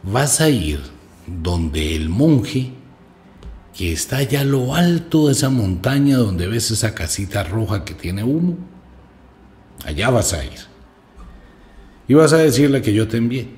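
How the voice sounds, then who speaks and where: A man voicing a calm, kindly male master who gives guidance in a told story. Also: lowish voice, a little slow, long pauses, voice pushed up. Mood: guiding.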